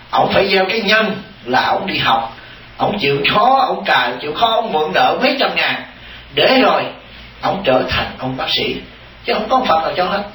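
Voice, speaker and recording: Lively monk in an echoey hall. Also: male voice, fairly high pitch, far from the mic, slight background noise. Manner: animated, teasing, addresses audience directly. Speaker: Buddhist monk. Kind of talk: dharma talk sermon.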